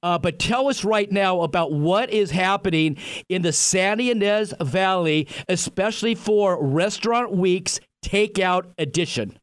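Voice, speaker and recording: A man hosting a radio show like a grandiose ringmaster, piling up superlatives with drawn-out flourishes. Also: sits high, clear, resonant tone. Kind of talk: ringmaster-style show announcing.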